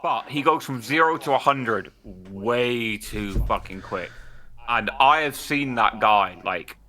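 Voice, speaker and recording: A man's voice: mid-range voice, lively intonation, slow, sharp tone. A man hosting a livestream with casual banter, speaking in a blunt, sweary way. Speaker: host.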